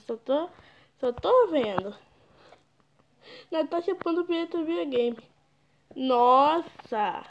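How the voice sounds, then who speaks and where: A young woman speaks in a high, gravelly voice, drawling her words. She chats and teases through casual game commentary. The recording is dull and lo-fi, with a faint hiss underneath. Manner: chatty, teasing, exclaims often. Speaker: gaming YouTuber.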